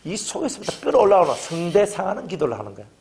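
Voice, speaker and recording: Middle-aged male pastor, fiery sermon delivery, animated pitch. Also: rapid-fire, gravelly. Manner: fervent, hammering rhetorical questions.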